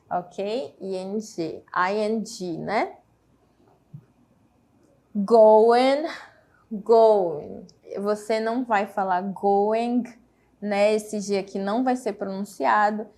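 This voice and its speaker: A woman with a Brazilian Portuguese accent teaching an English pronunciation lesson, explaining patiently and reading example sentences slowly and clearly. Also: a little high. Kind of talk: recorded classroom lesson.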